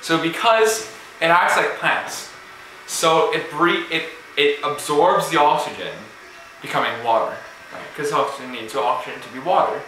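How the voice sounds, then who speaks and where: A man's voice: a little high, normal speed, bright, forceful tone. A man hesitantly improvising a confident but rambling explanation in casual chat. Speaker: guest answering a quiz question. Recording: echoey room with faint hiss.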